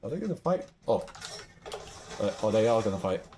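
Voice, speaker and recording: A young man giving excitable live commentary while playing a game, swinging from hushed mumbling to yelling. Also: lowish voice, a little fast, slight background noise. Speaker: gamer.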